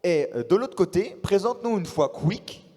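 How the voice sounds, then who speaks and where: A man working as an esports caster, presenting players and results with a halting, searching delivery. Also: high voice, animated, dark tone. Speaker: esports commentator. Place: large convention hall stage. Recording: reverberant event hall, music behind.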